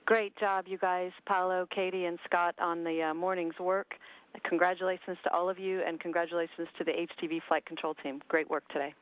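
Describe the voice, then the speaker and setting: A woman at mission control speaking to a space crew over a crackly radio loop, even and formal. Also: fairly low pitch, a little fast. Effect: crackly space-to-ground radio loop. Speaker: capsule communicator at mission control. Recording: narrow noisy radio link.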